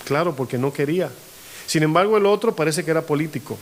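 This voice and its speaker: High-pitched pastor preaching to his congregation. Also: quick pace, a little hiss or hum. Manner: asks the congregation frequent call-and-response questions; acts out quoted voices with rising pitch. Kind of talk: sermon. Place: church hall.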